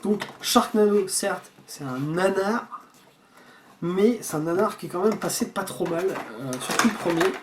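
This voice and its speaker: A man's voice: high voice, lively intonation, unhurried, background noise. Chatty, slangy man unboxing at home. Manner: chatty and slangy, swears freely; rambling with frequent restarts. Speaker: YouTuber unboxing a subscription box. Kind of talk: casual unboxing chat.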